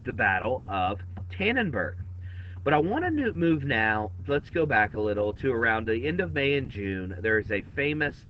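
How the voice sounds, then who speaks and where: A man's voice: medium pitch, very animated, moderate pace. A man lecturing to his class, casual and direct, as if talking to the students in the room. The recording is a little muffled and lo-fi. A faint hiss sits under his voice. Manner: conversational, addresses students directly. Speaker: history teacher.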